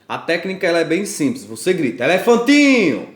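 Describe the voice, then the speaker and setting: Brazilian man, classroom teacher giving a grammar lesson, animated pitch and a slightly high voice, patient and emphatic, echoey room. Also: quick pace. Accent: Brazilian Portuguese. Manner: patient, stresses syllables loudly in examples.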